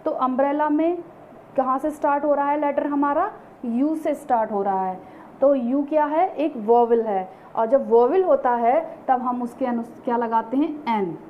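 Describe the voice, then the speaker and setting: Female teacher, high voice, patient, rhetorical questions to the class; tinny online-class audio with faint hiss. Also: moderate pace. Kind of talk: online grammar lesson.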